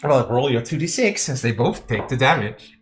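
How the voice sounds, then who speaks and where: A woman's voice: extremely low pitch, sing-song, normal speed. A woman casually running a tabletop roleplaying game as game master.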